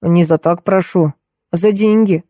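A woman voicing a stout, pushy middle-aged woman neighbour with a hoarse voice. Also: on the low side, measured pace, dark tone, no room sound, studio quality, close to an everyday voice. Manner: rattling, pushy.

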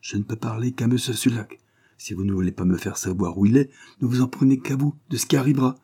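A man voicing a cunning male detective who pretends to be naive and then presses with quiet urgency. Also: fairly low pitch, moderate pace, husky. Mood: urgent.

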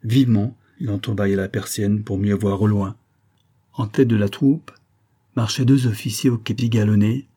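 Male narrator for a classic novel: low, mellow voice, steady delivery. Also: breathy edge. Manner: steady, measured storytelling. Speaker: audiobook narrator. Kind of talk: scripted literary narration.

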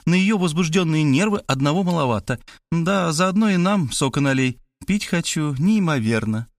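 A man's voice: a little high, animated, no echo, studio quality, pitched above the performer's own voice. A man voicing a bossy, commanding woman. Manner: imperious, brisk orders.

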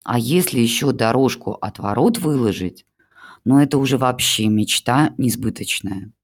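A reader voicing a melodramatic older mother who plays a pitiful old woman and flatters her son-in-law in a gushing, theatrical manner, as an audiobook character. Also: medium pitch, normal speed.

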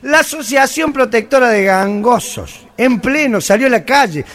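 A man telling a raucous joke on stage, shouting the punchlines. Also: extremely high pitch, lively intonation, normal speed. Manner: rowdy storyteller, shouting punchlines amid laughter. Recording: live audience crowd noise. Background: audience laughter.

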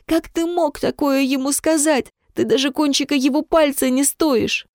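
A woman voicing a desperate young woman who pleads and cries in a high, breaking voice. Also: moderate pace, darkish tone, no room sound, studio quality. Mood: anguished anger. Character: desperate young woman, a mayor's daughter in love.

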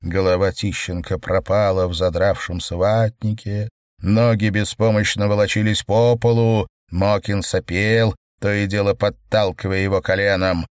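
A man narrating an audiobook in a measured, even storytelling manner. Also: fairly low pitch, no echo, clean studio sound.

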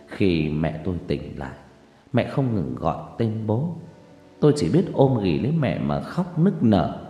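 Mournful low-voiced male storyteller. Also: very animated, unhurried, mellow, faint music behind. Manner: mournful, dramatic. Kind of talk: emotional first-person story narration. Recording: echoey long reverb.

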